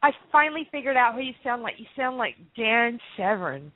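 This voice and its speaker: A woman guesting on a podcast, chatting in a joking, animated way. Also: fairly high pitch, a little fast, no room sound. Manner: joking and animated, laughs often. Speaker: radio host, podcast guest. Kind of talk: casual chat. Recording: tinny Skype call audio.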